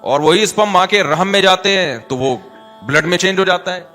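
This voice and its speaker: Soft music plays behind this high-voiced male preacher, whose accent is Karachi Urdu. His religious lecture alternates between chanted recitation and lively, conversational asides.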